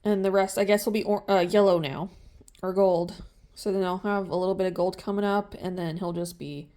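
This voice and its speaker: A woman's voice: on the low side, mellow. Chatty, sleepy-sounding woman vlogger. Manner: chatty, rambling, many fillers. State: sleepy, just woke up. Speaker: crafts vlogger. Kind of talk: casual talk while painting.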